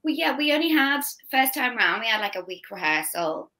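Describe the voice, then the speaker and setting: This young actress, a Liverpool native with a Scouse accent, sounds fairly high-pitched, sharp and very animated as she chats about her part on a home video call. The interview is casual, with quick restarts and laughter slipped in.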